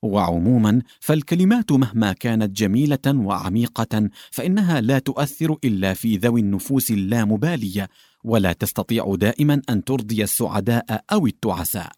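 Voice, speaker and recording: A man reading a literary story aloud in a measured, formal narrating voice. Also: on the low side, lively intonation, mellow, dry recording, clean studio sound.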